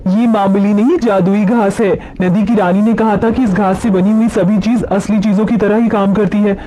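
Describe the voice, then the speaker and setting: A woman's voice: medium pitch, fairly even intonation, normal speed, dark tone, a little hiss or hum, close to an everyday voice. A woman voicing a hopeful, caring young village wife in a cartoon, speaking earnestly and encouragingly. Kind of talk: cartoon voice acting.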